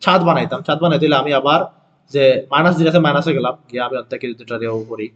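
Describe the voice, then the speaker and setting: A man teaching a design software class, repeating steps and often checking that his students follow along. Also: fairly high pitch, racing, muffled recording. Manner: keeps asking students if they follow; repeats steps and self-corrects. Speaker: design instructor. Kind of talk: screen-recorded software tutorial.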